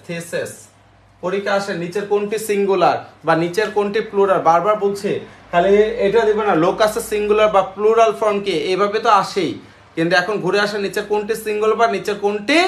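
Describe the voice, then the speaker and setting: A man teaching an online English grammar class, spelling words out slowly and checking with the class after each step. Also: sits high. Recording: roomy echo.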